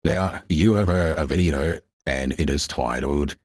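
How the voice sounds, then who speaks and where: Man, deep pitch-shifted voice changer, very low, husky, pompous, threatening, repetitive, caller. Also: a little slow, a little mellow, dry recording, studio quality. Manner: pompous, threatening, repeats himself. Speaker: caller posing as a lawyer. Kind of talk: call on a voice chat.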